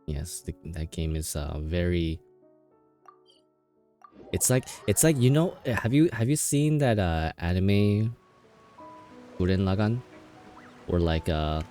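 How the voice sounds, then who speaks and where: Low mellow male streamer, chatty and emotional, music under him. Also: very animated, slow, pauses often. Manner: emotional, chatty, stammering restarts. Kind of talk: casual game stream chat.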